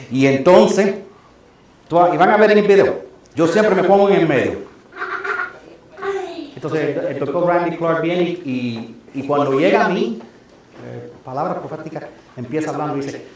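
A man preaching as pastor, telling a personal story in an animated way and laughing often. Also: medium pitch, heavy reverb, a little hiss or hum. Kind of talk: sermon testimony. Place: church sanctuary.

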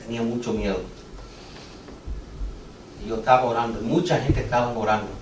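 A man's voice: mid-range voice, steady tone, fairly quick, roomy sound, distant mic, noisy background. A man preaching a sermon, telling a personal testimony with earnest, urgent storytelling. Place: church sanctuary.

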